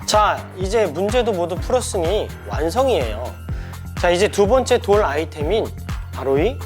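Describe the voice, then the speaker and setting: A man's voice: sits high, sing-song, normal speed, over music. A young man from a church school leading a children's craft lesson, asking questions and exclaiming playfully.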